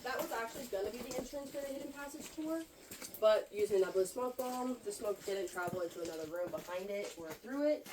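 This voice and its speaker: A woman's voice: mid-range voice, animated, a little fast. A woman working as a cave guide, explaining things informally to a tour group in an echoing cave. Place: inside a cave. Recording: echoing cave, faint background noise.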